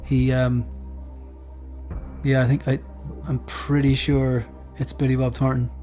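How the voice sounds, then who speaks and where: A man taking part in a quiz, chatting casually and reasoning out loud in a rambling way. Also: mid-range voice, flat delivery, unhurried. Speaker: quiz contestant. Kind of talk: casual chat, thinking out loud. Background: faint music.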